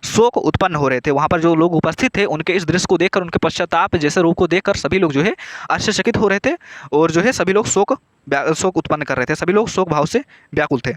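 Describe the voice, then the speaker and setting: High-voiced man teaching a poem. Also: no echo. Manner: reads verses slowly then explains line by line. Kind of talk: explaining a Hindi poem to students.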